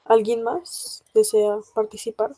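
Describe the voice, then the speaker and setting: A woman's voice: on the high side, fairly even intonation, measured pace, dark tone, no room sound. A woman teaching a grammar lesson to a class, talking patiently with many hesitation fillers and often checking that students understand. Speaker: language teacher.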